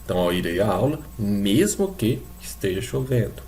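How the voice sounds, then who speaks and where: A man's voice: fairly low pitch, big pitch swings, normal speed, a little mellow, slight background noise. A man from Brazil teaching a recorded class, explaining patiently and repeating examples for his students. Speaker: Spanish teacher. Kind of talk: recorded online class lecture.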